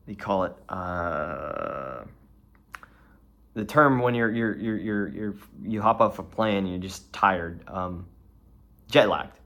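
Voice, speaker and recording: A young Texas man with a low-pitched, slightly bright voice rambles through a solo vlog. He keeps restarting his sentences and fills the gaps with filler words.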